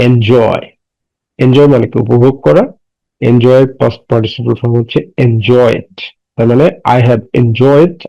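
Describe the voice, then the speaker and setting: Male tutor, patient, question-and-answer delivery; gravelly voice on a muffled recording. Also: medium pitch, mellow. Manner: explains slowly, asks and answers his own questions. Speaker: English teacher. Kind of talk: classroom grammar lesson.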